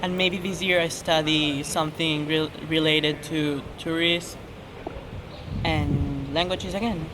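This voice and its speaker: Low-pitched and slow, with fairly even intonation, this eighteen-year-old host chats through a casual Q&A. She's giggly and talkative, her English grammar loose, and background hiss fills the recording.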